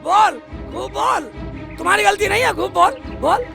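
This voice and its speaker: A man plays a bumbling fool who sobs and bellows in a very high, gravelly voice. He carries on with theatrical wailing over steady background music, like a low-budget comedy film. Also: normal speed, full character voice. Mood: blustering. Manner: wailing theatrically, shouting, blubbering. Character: bumbling foolish man Sheikh Chilli, loud and weepy. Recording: background music under dialogue.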